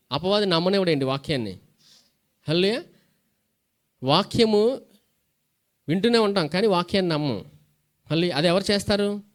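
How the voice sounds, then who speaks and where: High-pitched pastor guy preaching, keeps asking questions and answering them himself. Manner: reads scripture aloud between plain explanations. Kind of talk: sermon.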